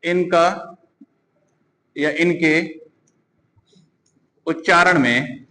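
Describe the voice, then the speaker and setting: A man's voice: fairly high pitch, drawn-out words, pushed and bright, long reverb tail. A man teaching Hindi grammar for exam preparation, repeating sounds aloud and asking students questions. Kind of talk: exam-prep classroom lesson.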